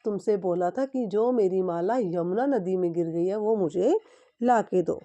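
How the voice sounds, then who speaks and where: A woman voicing a touchy male emperor who is quick to take offense, in a storytelling lesson. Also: mid-range voice, dark tone, lo-fi sound, natural voice. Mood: backpedaling. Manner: indignant, then backpedaling.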